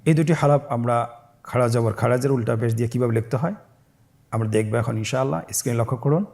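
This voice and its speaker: A man teaching Quran reading, spelling out letters and syllables slowly for listeners to repeat after him, stretching each joined word. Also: mid-range voice, creaky, a little mellow. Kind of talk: slow recitation lesson with call-and-repeat drills.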